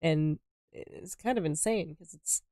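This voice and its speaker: A woman's voice: deep voice, measured pace, warm tone, dry recording, clean studio sound. A woman co-hosting a gaming stream in casual chat, quizzical and playfully skeptical. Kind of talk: casual chat while playing.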